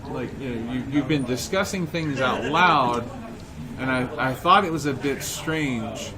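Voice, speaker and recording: A man's voice: medium pitch, measured pace, a crowd in the background, natural voice. A man voicing a puzzled, squeamish princess in a tabletop game, hesitant and questioning, in a noisy crowded room. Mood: puzzled, uneasy.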